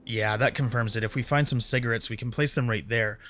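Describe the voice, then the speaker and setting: A man's voice: mid-range voice, fairly even intonation, fairly quick, a bit bright. A man giving casual, sarcastic commentary while playing a video game. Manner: sarcastic, chatty. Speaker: gameplay commentator. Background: faint game music.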